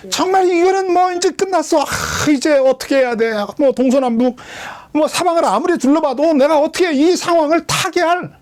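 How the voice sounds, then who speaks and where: A man's voice: extremely high pitch, a little fast, few pauses. A man preaching an expository sermon as a pastor, questioning his listeners and acting out quoted lines. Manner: lively, questioning the congregation, dramatic quoted voices.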